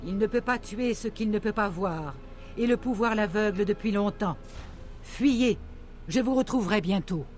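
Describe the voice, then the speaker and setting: A woman playing a stern, cryptic old mentor in a video game, speaking in measured, solemn pronouncements. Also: medium pitch, a little mellow, faint music behind, close to an everyday voice. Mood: grave. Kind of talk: video game dub dialogue.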